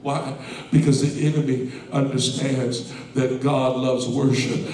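A man preaching a call-and-response sermon, shouting in a sing-song cadence with frequent "uh" pauses. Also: mid-range voice, level tone, a crowd in the background. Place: church sanctuary. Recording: very echoey church from far off. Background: responding congregation.

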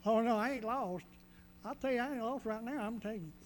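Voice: medium pitch, brisk, in a large hall, a little hiss or hum, lightly acted. A performer playing a bumbling, good-natured country shepherd in a nativity skit, speaking in a rural Southern US drawl full of homespun sayings. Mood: folksy.

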